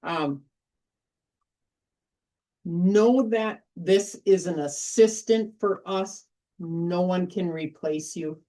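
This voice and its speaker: A woman's voice: fairly low pitch, drawn-out words, long pauses, dark tone. A middle-aged woman hosting an informal sales workshop, telling stories in a chatty way and repeating phrases for emphasis. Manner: chatty, storytelling, emphatic repetition. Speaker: workshop host.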